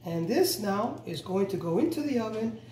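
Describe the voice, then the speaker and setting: This middle-aged man hosts a home cooking show, walking through each step of a casual demonstration in a relaxed, instructive manner, often self-correcting and repeating "go ahead and." His voice is high and his pace moderate, with soft music in the background. He is indoors in a large, bright home kitchen, recorded by a camera mic across the room, so the audio is roomy, distant and noisy.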